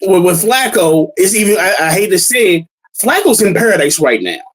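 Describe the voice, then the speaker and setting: A man co-hosting a casual fantasy football podcast, excitable, stumbling over and repeating his words. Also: high voice, a little fast, rough recording. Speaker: podcast co-host.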